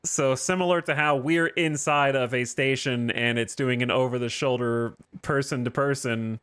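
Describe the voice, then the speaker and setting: A man's voice: mid-range voice, steady tone, normal speed, a bit bright, clear, resonant tone. Rambling man commentating over a game. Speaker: game streamer. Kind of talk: casual live gameplay commentary.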